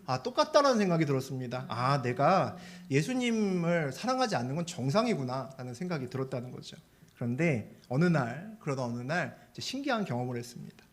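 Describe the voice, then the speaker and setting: Animated male pastor preaching. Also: medium pitch, fairly quick. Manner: animated storytelling, asks the congregation questions. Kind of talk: sermon.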